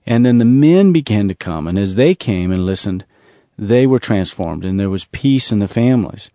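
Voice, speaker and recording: A man telling a testimony from his mission travels, earnest and repetitive, slowing down to stress key words. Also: fairly low pitch, animated, dark tone, no echo, clean studio sound. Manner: earnest, repetitive storytelling with slow emphasis. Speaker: ministry speaker telling a mission story. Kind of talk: storytelling testimony.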